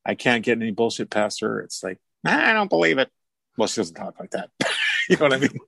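A lower-voiced man talks loosely in an interview, circling back and restarting his thoughts as he goes. He laughs easily and sounds at ease. The recording is dry and close, with no room sound at all. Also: fast, creaky, fairly bright tone, breathy edge, dry recording. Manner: rambling, self-correcting, laughs easily. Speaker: music producer and artist mentor. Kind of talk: casual interview talk.

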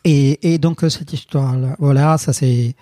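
A man's voice: mid-range voice, steady tone, normal speed, dark tone, no room sound. A man in his thirties from Colombia, a guest recounting a personal story hesitantly, with many fillers and restarts, in a dry, close recording. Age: 30s.

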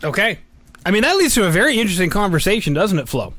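A man's voice: high-pitched, sing-song, fast, a bit bright, no room sound. Upbeat, chatty man hosting a podcast. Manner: upbeat, chatty, laughs easily. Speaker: podcast host. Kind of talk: casual interview.

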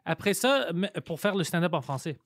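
Male host in casual chat, non-native French speaker who drops into English, light higher pitch, dry close mic. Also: expressive, fairly quick, no echo. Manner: speaks French as a second language, mixes in English, laughs easily. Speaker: podcast host.

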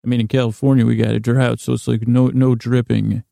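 An American podcast host with a gravelly, creaky, mid-range voice delivers a rambling bedtime monologue meant to lull listeners to sleep. He's lighthearted and gently silly, fairly quick, with little pitch movement, often stumbling over and correcting his words. The sound is clean studio audio with no room sound.

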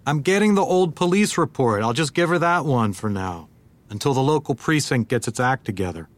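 A man's voice: medium pitch, lively intonation, a little fast, dry recording, lightly acted. A man playing a laconic, slightly impatient husband in an audio drama, with wry, clipped replies.

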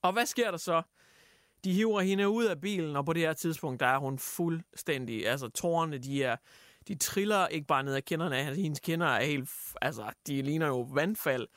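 A man hosting a casual radio show, telling stories in an animated way and acting out quotes with lots of fillers. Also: on the high side, no echo, studio quality. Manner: animated storyteller, acts out quotes, many fillers. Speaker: radio host. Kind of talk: casual chat, retelling news stories.

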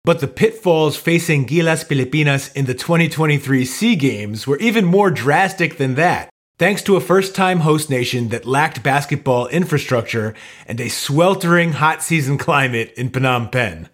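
A man giving scripted narration for a sports podcast in a measured, informative delivery. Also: fairly high pitch, expressive, a bit bright.

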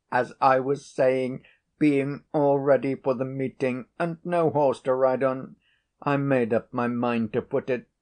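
A man reading aloud and voicing an eager, fawning old woman who is secretly a witch, in a cackling, excited manner. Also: medium pitch, natural voice. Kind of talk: audiobook character reading.

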